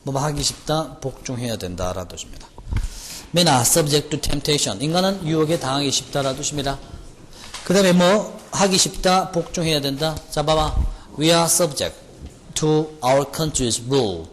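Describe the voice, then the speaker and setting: A male English vocabulary lecturer from Korea's Gyeongsang region speaks with a Gyeongsang accent in a somewhat high, slightly slow voice. He gives a jokey classroom lecture, firing rhetorical questions at his students. The lecture hall adds reverb, with faint background noise.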